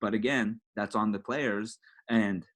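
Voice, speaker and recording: Man, football coach, low voice, coaching clinic talk, conversational, keeps saying "right?". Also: steady tone, a little slow. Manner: conversational, repeats "right?" and "again". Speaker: high school football coach.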